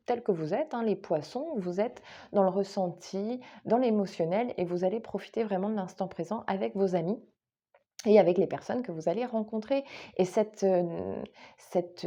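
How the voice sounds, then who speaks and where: Woman tarot reader, lowish mellow voice, chatty, talks straight to viewers with plenty of hesitations. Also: muffled recording. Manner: chatty, addresses viewers directly, frequent hesitations. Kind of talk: casual monthly tarot reading to camera.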